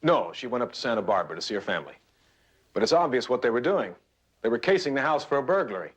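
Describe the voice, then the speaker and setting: An actor playing a smooth, evasive husband with a secret in a television crime drama. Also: male voice, mid-range voice, big pitch swings, quick pace. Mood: guarded, composed.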